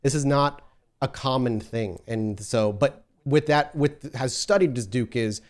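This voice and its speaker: Speaking at a measured pace in a mid-range voice, a man leads a tabletop role-playing game, narrating scenes descriptively and answering his players. He often restarts his sentences partway through.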